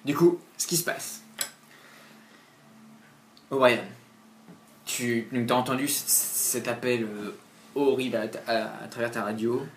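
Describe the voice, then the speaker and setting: A man's voice: medium pitch, steady tone, slight background noise. Man game master in an echoey room. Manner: halting, filler-heavy narration. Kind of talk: narrating a horror tabletop game. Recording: roomy echo, faint music.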